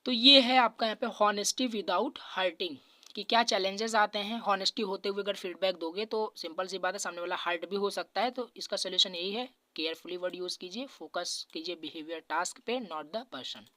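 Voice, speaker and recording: A woman giving an exam-focused lecture, repeating points and slowly reading out English terms. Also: mid-range voice, dry recording. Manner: frequent fillers and restarts, drops to a quieter voice at phrase ends.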